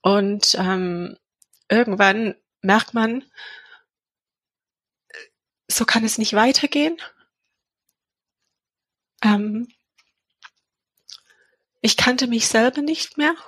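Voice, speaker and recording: A woman's voice: a little high, extremely slow, long pauses, a bit bright, slightly rough, no echo. A woman in her thirties from England with an English accent, speaking German in a hesitant personal testimony, full of fillers and restarts. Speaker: mother of a child with a heart defect.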